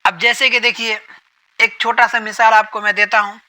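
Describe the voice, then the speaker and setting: A man's voice: high-pitched, little pitch movement, sharp tone, poor audio. A man teaching a lesson on Quran reading, who repeats each point and asks questions that he then answers himself. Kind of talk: explanatory lesson.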